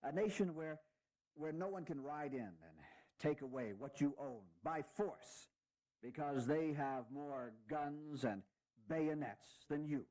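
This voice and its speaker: A man playing a dignified, fatherly aging general, giving stirring, deliberate and sometimes halting oratory in a historical audio drama. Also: fairly high pitch, dark tone, low-quality recording. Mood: earnest, heartfelt. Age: older.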